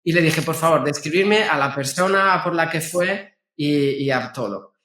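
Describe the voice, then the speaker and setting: A man, speaking as a guest therapist in a conversational, halting way with frequent restarts. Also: a little high, bright, forceful tone. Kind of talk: conversational explaining. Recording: roomy echo.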